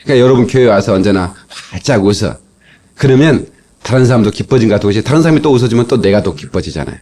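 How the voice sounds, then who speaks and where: A man preaching a sermon as pastor, telling stories with lively asides and sudden shouted exclamations, heard from an old cassette tape. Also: fairly low pitch, quick pace. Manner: animated storytelling with shouted exclamations.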